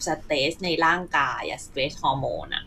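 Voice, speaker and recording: A woman co-hosting a casual science chat, telling stories in a lively way and explaining facts as she talks. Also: very deep voice, drawn-out words, gravelly, a little hiss or hum. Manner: lively storytelling, acts out her own reactions.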